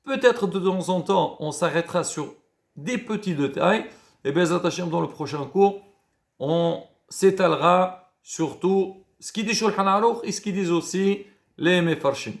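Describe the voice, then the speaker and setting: A high-pitched man teaches as a rabbi, explaining each point calmly and sprinkling in Hebrew terms. His voice has a gravelly edge and rings in an echoey room. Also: normal speed. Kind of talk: casual religious lesson.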